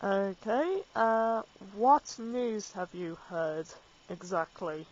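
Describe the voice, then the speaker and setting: Woman, let's play commentary, slow, dry, casual, slightly muffled mic. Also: medium pitch, lively intonation, darkish tone. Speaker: gamer reading dialogue choices.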